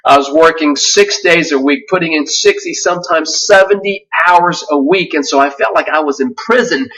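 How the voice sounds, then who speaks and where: Bright-voiced man pitching a webinar, mic distant. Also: normal speed. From Vietnam. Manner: earnest, with frequent fillers and restarts. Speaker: webinar presenter.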